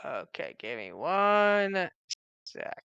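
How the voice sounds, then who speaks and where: Bright, gravelly, excitable player. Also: mid-range voice, takes it slowly, no room sound, lo-fi sound. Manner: excitable and playful, cheering. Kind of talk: casual tabletop game play.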